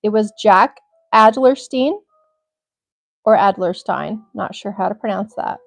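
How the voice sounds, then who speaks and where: A woman's voice: mid-range voice, flat delivery, a little fast, vocal fry. A young woman hosting a livestream, reading a crime article aloud and cutting in now and then with blunt, swearing reactions. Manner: reads steadily, breaks off with blunt swearing reactions. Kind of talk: reading aloud with personal asides.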